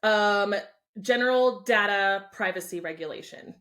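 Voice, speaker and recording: A woman guest in a casual interview, candid and quick to laugh. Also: medium pitch. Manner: animated, candid, laughs freely.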